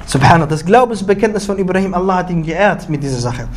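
High-voiced male preacher telling a story. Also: fast, slight background noise. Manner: animated storytelling, often repeats and restarts words; weaves Arabic religious phrases into German speech. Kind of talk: Friday sermon retelling a prophet story.

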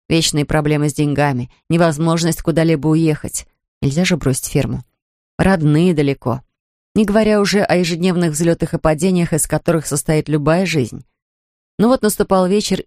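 A woman narrating an audiobook in a measured, even manner. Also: low voice, no echo, studio quality. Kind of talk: scripted narration.

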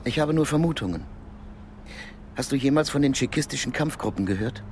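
In a naturalistic German radio drama, a male actor plays a calm, knowing Cold War intelligence contact who explains things in a measured, matter-of-fact way. His natural, medium-pitched voice carries a grave, explanatory mood over a little hiss or hum.

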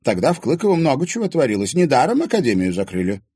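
A blunt older woman presses questions and gives orders, as a man plays her. The voice is pushed very high with wide swings and a husky edge. The recording is dry. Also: very animated, fast, mellow, dry recording. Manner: direct, bossy, exclaiming.

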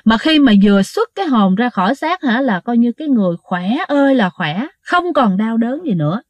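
A woman telling ghost stories to her listeners in a casual, animated way, acting out the quoted dialogue. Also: on the high side, a little fast, no echo, dull audio. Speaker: ghost story narrator.

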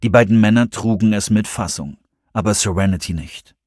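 Man with a husky narrating voice. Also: lowish voice, a little mellow, no room sound, clean studio sound. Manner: measured, dramatic storytelling. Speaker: audiobook narrator. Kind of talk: scripted narration.

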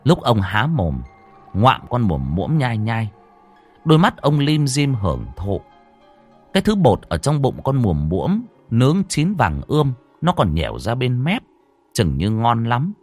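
A man's voice: medium pitch, unhurried, faint music behind. A man narrating a horror story, acting out every character. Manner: animated, voices all characters.

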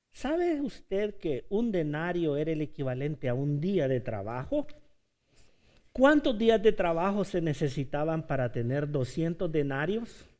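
Animated high-voiced man preaching. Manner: animated, playful, acts out quoted voices. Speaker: pastor. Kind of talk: sermon.

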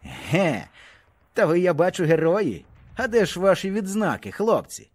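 A man's voice: high voice, huge pitch swings, a little slow, pitched above the performer's own voice, exaggerated voice. A man playing a furious young soldier, barking. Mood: angry, scornful. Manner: barking, raised voice. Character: hot-tempered young male soldier, bitter and furious.

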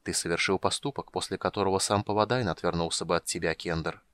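A man reading the lines of a cold, commanding female goddess in an audiobook, slow and measured. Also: deep voice, steady tone, a bit bright, no echo. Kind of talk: audiobook character voice.

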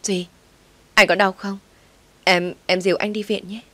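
A woman voicing a jealous young wife who curses and shouts harshly. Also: medium pitch, little pitch movement, a little slow, no echo. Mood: anxious.

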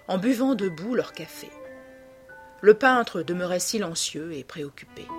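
Narrator: woman, steady literary reading voice, calm and even. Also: lowish voice. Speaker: audiobook narrator.

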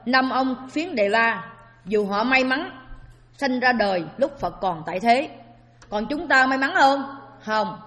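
A woman giving a Buddhist Dharma talk as a sermon, often asking her listeners rhetorical questions. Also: medium pitch. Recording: long hall reverb.

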